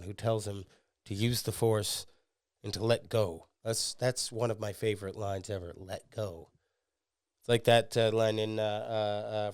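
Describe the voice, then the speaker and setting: Excitable man with a smooth voice. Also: fairly low pitch, no room sound, clean studio sound. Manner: excitable, swearing, frequent fillers. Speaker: podcast host. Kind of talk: casual fan commentary.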